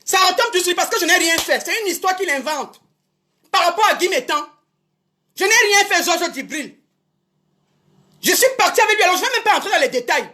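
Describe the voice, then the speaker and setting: High-voiced woman ranting indignantly. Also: animated, brisk, pauses often, bright, forceful tone. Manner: indignant, repetitive, addresses critics directly. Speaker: show business promoter. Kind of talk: Facebook live rant.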